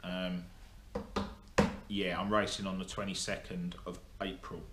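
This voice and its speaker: With little pitch movement, a low-pitched young man speaks a little slowly as he gives a rambling, casual update to the camera in front of him, full of ums and restarts. He's a motorsport vlogger recording in an indoor workshop that's echoey with a faint hum.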